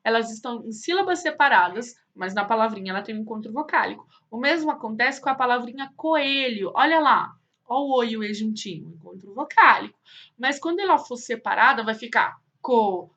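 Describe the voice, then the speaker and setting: A woman teaching young children online, in a sing-song, drawn-out way, asking questions and answering them herself. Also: on the high side, animated, bright, forceful tone, muffled recording. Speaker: primary school teacher.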